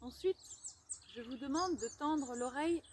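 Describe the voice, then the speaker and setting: A woman leading a guided listening meditation outdoors, giving gentle, unhurried instructions with pauses. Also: high voice. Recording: outdoor recording with clear birdsong noise. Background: birdsong, chirping, environmental noise.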